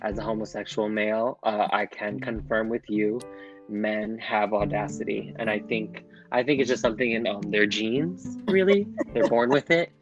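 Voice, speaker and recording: Podcast co-host, man, mid pitch, sassy and expressive, dull lo-fi sound with music behind. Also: normal speed. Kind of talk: casual chat.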